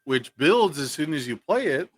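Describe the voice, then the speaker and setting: A man giving live, analytical commentary on a card game tournament, thinking through each possible play out loud. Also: on the high side, big pitch swings, moderate pace.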